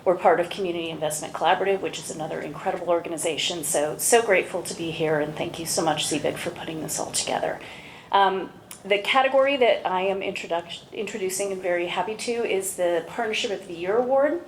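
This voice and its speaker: Enthusiastic woman presenting an award. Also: lowish voice. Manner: enthusiastic, brisk. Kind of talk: presentation speech. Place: large event hall. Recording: echoey hall, faint room noise.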